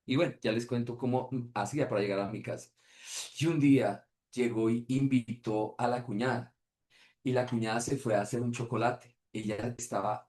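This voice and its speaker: A man with a Colombian Spanish accent, a pastor, tells a personal testimony in a sermon, acting out the voices of the people in his story. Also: medium pitch. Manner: animated storytelling, acts out quoted voices.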